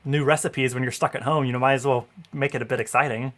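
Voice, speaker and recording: Here the thirtysomething livestream host has a medium pitch, fairly even intonation, and a fairly bright tone, talking fast. He stays casual and upbeat on his headset at home, leaning heavily on "you know" as filler.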